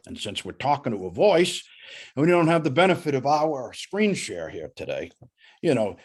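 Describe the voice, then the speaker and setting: Husky, animated male sales coach. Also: medium pitch. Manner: animated, folksy, uses analogies. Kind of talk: one-on-one coaching session.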